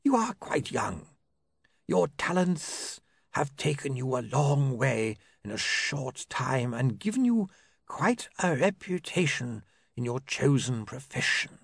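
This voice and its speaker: Casting: male reader doing a dry, stiff old lawyer, gravelly and husky, very slow, pitch rising and falling in a measured way. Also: very animated, no room sound, exaggerated voice. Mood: formal.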